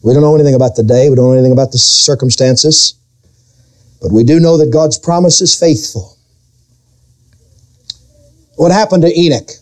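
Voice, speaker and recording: A middle-aged pastor preaches with a rather high voice for a man. He swings his pitch up and down and stretches out key words for weight. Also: normal speed, long pauses. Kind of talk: sermon.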